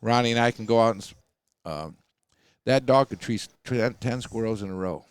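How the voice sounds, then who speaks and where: A coonhound kennel owner with a smooth, mid-range voice tells stories for a podcast at a fairly quick pace. His casual storytelling is folksy and rambling, full of fillers, on a dry recording.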